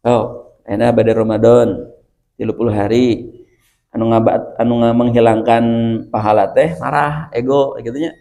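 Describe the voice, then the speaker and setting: A man's voice: mid-range voice, fairly even intonation, normal speed, creaky, long pauses, mellow. A male preacher with a Sundanese accent giving a chatty religious study talk, laughing often and addressing his listeners directly.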